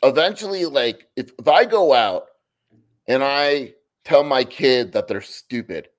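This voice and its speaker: A man co-hosts a sports podcast in casual chat, opinionated and pressing his points while leaning heavily on "like." His medium-pitched voice is expressive and a little slow.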